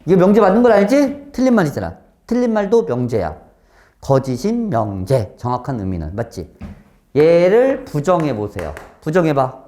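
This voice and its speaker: A man lecturing a class on math, his voice rising and falling in a lively, animated way. He explains in short bursts and keeps asking students whether they follow. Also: a little high, normal speed. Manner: lively, questioning, keeps checking understanding. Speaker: math teacher.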